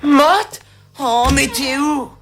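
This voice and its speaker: An actress voicing an emphatic cartoon character who calls out and scolds. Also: female voice, high-pitched, drawn-out words, a little hiss or hum, exaggerated voice. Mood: calling. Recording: cartoon soundtrack with loud music.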